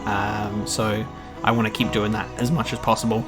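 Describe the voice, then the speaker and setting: A man in his twenties with an Australian accent, a YouTube gaming channel creator, chats casually and earnestly, if hesitantly, to his subscribers. His voice is fairly low with little pitch movement and a moderate pace, and guitar music plays behind him.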